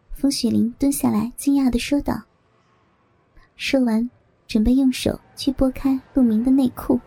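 A woman narrating an adult audio story in a steady, unhurried reading voice. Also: high voice, vocal fry, a little hiss or hum, low-quality recording.

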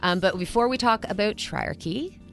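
A woman's voice: medium pitch, normal speed, vocal fry, faint music behind. A woman hosting a podcast interview, upbeat and effusive. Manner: enthusiastic, effusive. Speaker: podcast host.

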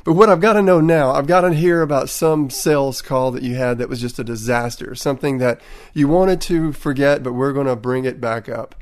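A man's voice: mid-range voice, brisk. Man with a Tennessee accent hosting a podcast. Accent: Tennessee, Southern US. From Tennessee, USA. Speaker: podcast host. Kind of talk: podcast introduction and interview.

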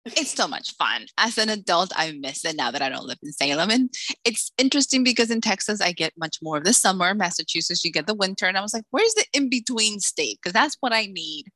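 A woman's voice: medium pitch, a little fast, dry recording. A woman from the Dominican Republic, an author interviewed in a casual chat, joking and acting out the voices of people in her stories. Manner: lively, joking, acts out quoted voices. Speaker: author guest.

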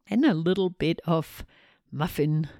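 A woman voicing a careful, fussy old male gnome in a storybook reading, in a gentle, chuckling way. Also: sits low, unhurried, no echo, clean studio sound.

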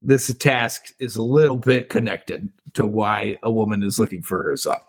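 A man's voice: fairly low pitch, normal speed, husky. Man, book podcast co-host, casual chat, laughs a lot, recaps and quotes scenes. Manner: retells scenes, reads quotes aloud, laughs often.

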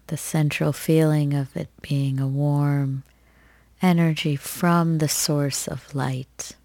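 A woman leads a guided meditation in a low, mellow voice. She speaks very slowly and gently, leaving long pauses between soft, soothing phrases. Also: flat delivery, no echo.

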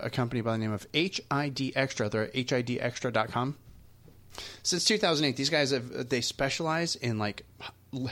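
Chatty male podcast host, jokey and informal. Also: mid-range voice. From Arizona. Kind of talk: casual, upbeat podcast hosting and ad reads.

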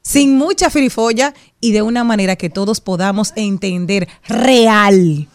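A woman co-hosting a lively studio chat, playfully reading listener messages aloud. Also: medium pitch, a little slow, dry recording. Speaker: co-host.

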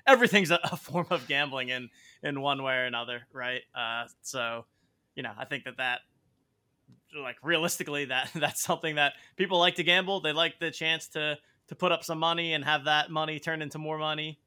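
Bright, clear man chatting haltingly. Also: a little high, steady tone. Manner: halting, repeats words while thinking. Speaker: podcast guest, startup co-founder. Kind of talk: casual interview chat.

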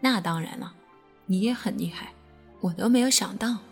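A woman's voice: mid-range voice, moderate pace, creaky, faint music behind, lightly acted. A woman voicing a boastful, eager male lover. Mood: boastful tender. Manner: pleased and boastful.

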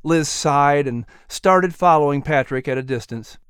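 Reading from a script, a male narrator with a smooth, fairly high voice delivers a dramatic historical story aimed at children. He takes his time, and the sound is close and very dry.

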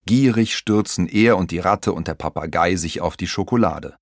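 A man narrating a children's audiobook in an expressive storytelling manner. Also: sits low, normal speed, no echo, studio quality.

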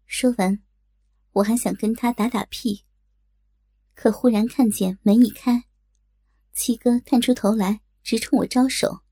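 Brief: higher-pitched woman storyteller, unhurried and breathy, close dry mic, soft music underneath. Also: fairly even intonation, dry recording. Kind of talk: first-person audio story narration.

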